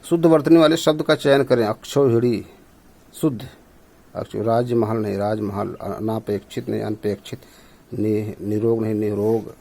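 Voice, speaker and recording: Male teacher, mid-pitched, patient step-by-step explainer for exam prep. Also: fairly even intonation, moderate pace, vocal fry, darkish tone. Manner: explains step by step, checks answers aloud.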